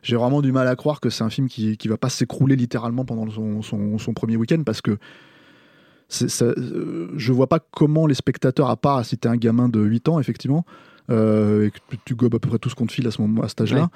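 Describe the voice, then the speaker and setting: A man who is a film critic on a podcast, talking through a review in a casual, halting way with frequent restarts and hesitations. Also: mid-range voice, dark tone, no echo.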